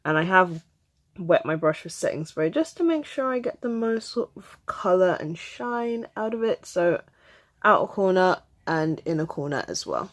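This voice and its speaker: A woman vlogger talking through a makeup tutorial step by step in a chatty way, sometimes dropping to a soft murmur while she concentrates. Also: fairly low pitch, lively intonation, normal speed.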